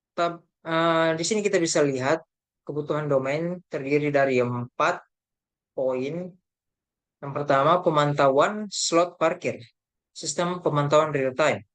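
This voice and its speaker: A young man, a university student, presenting a group report by reading his slides aloud, with halting delivery, restarts and fillers. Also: on the high side. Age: young adult. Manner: reads haltingly, with self-corrections and fillers.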